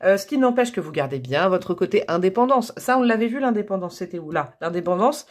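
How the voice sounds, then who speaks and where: A woman reads tarot cards in a loose, chatty way, joking and coaxing her viewers along. Her voice sits at an ordinary middle pitch for a woman. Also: lively intonation, fairly quick, darkish tone. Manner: chatty and playful, joking and laughing at herself; talks straight to viewers, coaxing and encouraging. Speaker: tarot card reader. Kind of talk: casual tarot reading to camera.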